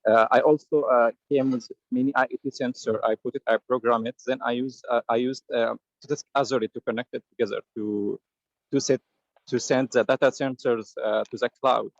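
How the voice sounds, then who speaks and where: A man speaks over an online call that keeps breaking up. His voice is gravelly and the sound comes through dull and muffled. He talks haltingly and fills his pauses with "uh.". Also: medium pitch, steady tone, no room sound. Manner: hesitant, halting, with many "uh"s. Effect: online call audio breaking up. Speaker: meeting participant asking a question. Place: noisy place on an online call.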